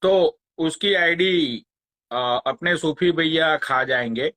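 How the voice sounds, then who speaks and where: A man, ranting on a phone live stream in a slow, crude, mocking way. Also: a little high, a bit bright. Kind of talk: angry rant on a live stream.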